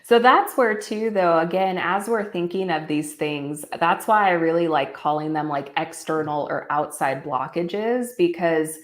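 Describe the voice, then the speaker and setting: A woman's voice: fairly low pitch, measured pace, hardly any pauses. A woman co-hosting a casual podcast discussion, reflective and full of "like" and "um" fillers. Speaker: podcast co-host.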